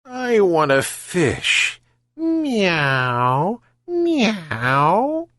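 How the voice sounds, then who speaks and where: Guy putting on a whiny greedy cat, high thin meows, sly. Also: huge pitch swings, drawn-out words, fairly bright tone, dry recording, clean studio sound, full character voice.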